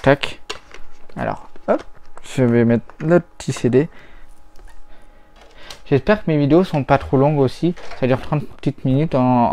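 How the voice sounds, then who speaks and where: A man talking casually about old console games as he tests them, rambling and hesitant, often pausing on little filler words. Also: medium pitch, darkish tone, a little hiss or hum. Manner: rambling, hesitant, full of "voilà" and "hop". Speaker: retro gaming YouTuber. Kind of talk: casual chat while testing games.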